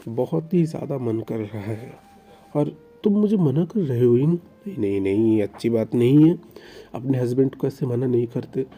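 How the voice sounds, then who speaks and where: A man voicing a dominant, possessive young mafia husband in a storybook romance, talking low and coaxing. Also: dark tone, slight background noise, close to an everyday voice. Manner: low, coaxing, then commanding.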